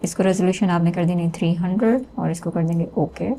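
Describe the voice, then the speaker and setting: A woman calmly explaining a screen-recorded design tutorial step by step, with small hesitations. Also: on the low side, brisk, slight background noise. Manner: calm step-by-step explaining with fillers. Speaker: textile design instructor.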